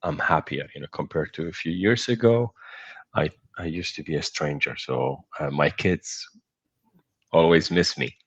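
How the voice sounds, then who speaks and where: A man who is a guest on an interview over a video call speaks in a measured, reflective way, still in his morning voice. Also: extremely low pitch, slightly rough. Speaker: guest, startup founder. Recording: muffled video-call audio.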